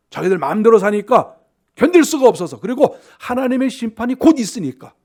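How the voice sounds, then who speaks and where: Emphatic high-voiced male pastor. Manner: emphatic, swinging between loud stresses and quiet asides. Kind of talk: sermon.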